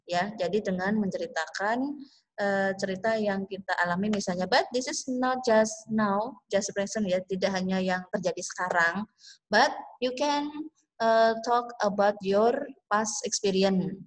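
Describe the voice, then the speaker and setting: Indonesian-accented woman teacher, slow and explanatory, lecturing a class. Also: mid-range voice. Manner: slow, explanatory, drawn-out English phrases. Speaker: English teacher. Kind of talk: online class lecture mixing English and Indonesian.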